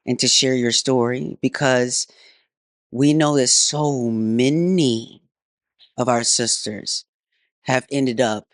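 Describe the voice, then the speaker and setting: Effusive low-voiced woman host. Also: slow pace, dry recording, studio quality. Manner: effusive, playful, slangy. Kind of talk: casual interview chat.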